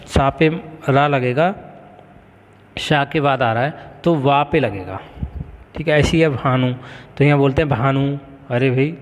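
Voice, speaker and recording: A man giving a spoken lesson, explaining slowly and deliberately, with a frequent "okay" as he moves between points. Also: mid-range voice, long reverb tail, a little hiss or hum. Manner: slow, deliberate word-by-word explanation with frequent "ठीक है". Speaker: teacher.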